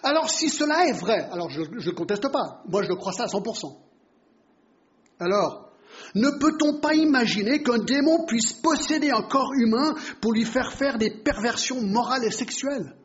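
A man delivers a Bible teaching in an explanatory way, often asking his listeners rhetorical questions. His voice sits high for a man. The recording sounds dull and lo-fi. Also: lively intonation, normal speed.

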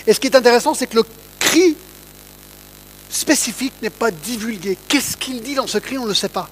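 A man's voice: very high-pitched, animated, fairly quick, a little hiss or hum, low-quality recording. A man giving a conversational Bible teaching, reading verses aloud and often checking in with his listeners. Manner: asks listeners to check in, reads scripture aloud.

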